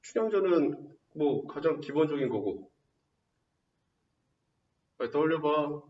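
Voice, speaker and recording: A male teacher giving an exam-prep lecture, quizzing students with rapid rhetorical questions and answering them himself. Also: a little high, lively intonation, reverberant, recorded from a distance, muffled recording. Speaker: Korean literature teacher.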